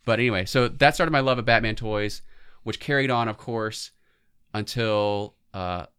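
Man in his forties, low bright voice, smooth tone, casual podcast chat. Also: moderate pace. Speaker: podcast co-host. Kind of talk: casual pop culture chat.

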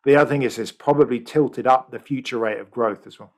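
Brisk explaining man on a video call. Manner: brisk, explanatory, lively pitch. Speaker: economist guest. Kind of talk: conversational interview answers.

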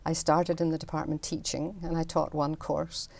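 An older woman from talks through her art in an interview. Her voice sits low and mellow, with a gravelly edge. She explains things in a chatty, unhurried way. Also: flat delivery. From Northern Ireland. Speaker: artist.

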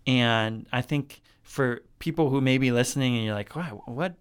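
A man pastor with a smooth, resonant voice at a mid pitch talks through his ideas in a relaxed podcast chat. He thinks aloud, filling the pauses with ums. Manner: thoughtful, filler-laden. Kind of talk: casual podcast discussion.

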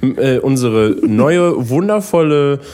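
A man's voice: mid-range voice, expressive, takes it slowly, warm tone, smooth. A man co-hosting a casual podcast, trading dry, teasing jokes. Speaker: podcast co-host.

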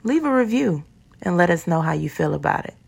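A woman's voice: fairly low pitch, big pitch swings, brisk, vocal fry, a little mellow, husky. A woman co-hosting a podcast at home, talking in a casual, joking way and laughing often. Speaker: podcast co-host. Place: at home, family in the kitchen nearby.

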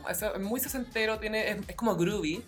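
Chilean woman cohost, medium voice, jokey slangy quips, faint music in the back. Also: medium pitch. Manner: joking, slangy, quick quips. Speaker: podcast co-host. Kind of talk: casual chat.

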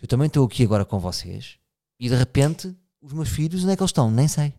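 With big swings in pitch, a mid-range voice, a quick pace, and a mellow quality, this podcast host muses aloud. He's in his thirties with a European Portuguese accent and keeps restarting as he talks directly to listeners in a casual monologue.

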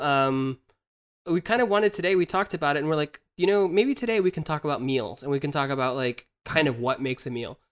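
A young man co-hosting a podcast in casual chat, laughing often and restarting his sentences. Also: medium pitch. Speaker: podcast co-host. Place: living in Germany, from the US.

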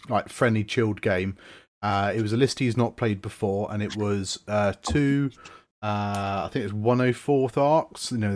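A man co-hosting a casual podcast, chatty and stammering into restarts. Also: on the low side. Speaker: podcast co-host. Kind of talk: casual chat.

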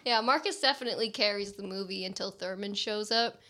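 A woman chatting casually on a podcast about a film, animated and laughing often as she quotes lines. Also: medium pitch, fairly quick. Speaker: podcast panelist discussing a film.

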